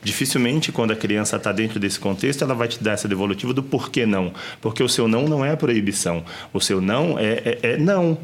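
Homem paulista explicando com calma. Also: male voice, fairly low pitch, fast, hardly any pauses. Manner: calm, explanatory. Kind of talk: casual conversation.

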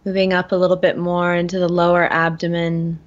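A woman leading a guided meditation in a gentle, soothing manner, slowly and with long pauses. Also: lowish voice, monotone, highs cut off. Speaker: guest guiding a meditation.

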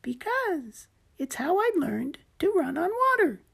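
Woman reading as a tiny storybook gecko, very high and squeaky, bouncy and encouraging, swooping up and down. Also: sing-song, unhurried, gravelly, a bit bright, heavily acted. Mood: coaxing. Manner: chirpy and encouraging. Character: eager cheerful little male gecko coach.

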